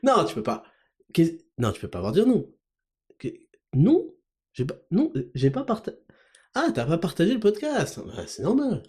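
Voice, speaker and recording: Animated mock-angry male podcast host. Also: fairly high pitch, normal speed, pauses often. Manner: animated, mock-angry, teasing, sudden shouts. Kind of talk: comedic podcast monologue.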